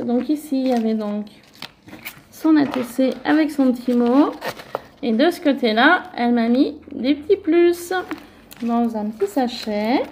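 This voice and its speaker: A woman vlogger chatting casually as she shows off crafting mail she received. She talks gently and often fills with little connecting words. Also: high-pitched.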